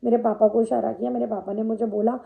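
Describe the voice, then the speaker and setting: A woman's voice: a little high, flat delivery, fast talker, gravelly, phone-quality sound. A young woman vlogger telling a personal story in Hindi mixed with English words, with many fillers.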